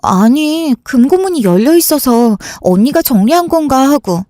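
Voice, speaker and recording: A woman voicing a breezy, offhand younger sister in a radio drama who talks briskly and brushes things off. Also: high-pitched, big pitch swings, warm tone, dry recording, studio quality. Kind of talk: Korean radio drama acting.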